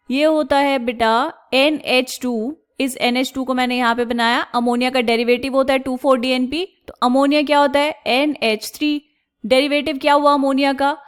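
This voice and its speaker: A woman teaching chemistry step by step, asking questions and answering them herself, and drawing out technical terms slowly. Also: high-pitched, clear, resonant tone. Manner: asks the class questions and answers them herself, calls students "beta"; slows down and stretches out technical terms. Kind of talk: explaining step by step on a board.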